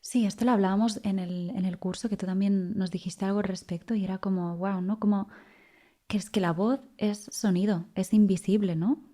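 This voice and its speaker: A woman hosts a podcast and shares her thoughts in a conversational interview. Her voice is mellow and warm and sits at a middle pitch. She speaks thoughtfully, pausing to search for words. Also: steady tone. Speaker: podcast host.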